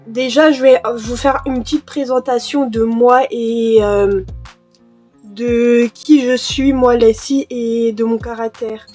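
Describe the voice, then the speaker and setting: A woman's voice: fairly high pitch, steady tone, slow pace, darkish tone, faint music behind. A young woman chatting casually in a home vlog, full of hesitations and fillers while she does her nails. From born in Cameroon, raised in France. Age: young adult. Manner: hesitant, many fillers and restarts. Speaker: YouTuber. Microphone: desk mic.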